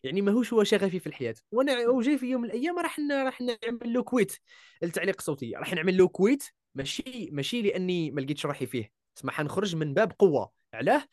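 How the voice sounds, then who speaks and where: A man's voice: high-pitched, very animated, rapid-fire, darkish tone, dry recording, studio quality. A young man with an Algerian Arabic accent, a voice-over artist talking casually as a guest, emphatic and repeating key words. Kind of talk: casual interview chat.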